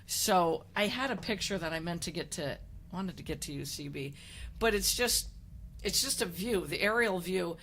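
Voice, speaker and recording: A woman's voice: fairly low pitch, lively intonation, normal speed, a bit bright, slight background noise. A woman in her fifties hosting a casual sports talk show, telling stories in a rambling, chatty way with many restarts. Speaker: host.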